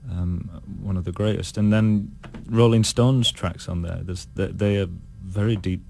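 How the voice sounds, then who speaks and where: A British man, a singer being interviewed, talking in a thoughtful, halting way full of restarts. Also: sits low, steady tone, vocal fry, a little mellow, slight background noise. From United Kingdom. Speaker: guest singer. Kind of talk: casual interview chat.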